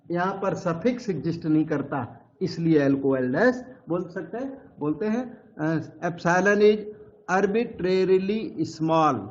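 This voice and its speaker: A man with a high voice lectures on maths at an unhurried pace, going over each step patiently and repeating the key terms. The recording is dull and lo-fi. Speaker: maths teacher.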